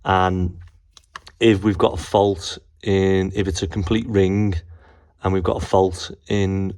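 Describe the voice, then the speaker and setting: A tradesman narrates his call-outs as he films them on his phone, working on plumbing and wiring and repeating "obviously" as he explains. He speaks slowly in a low, level, slightly mellow voice, and there's no room sound.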